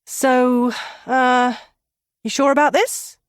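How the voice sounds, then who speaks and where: A woman voicing Vera, a wry young woman companion, in an audiobook, with a husky voice. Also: high-pitched, fairly even intonation, takes it slowly, no room sound, clean studio sound. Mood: hesitant.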